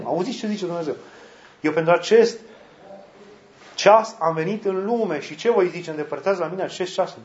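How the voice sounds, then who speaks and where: A man's voice: fairly high pitch, dull audio. Earnest preacher man in an echoey hall. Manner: earnest, rhetorical questions to the listeners. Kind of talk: sermon.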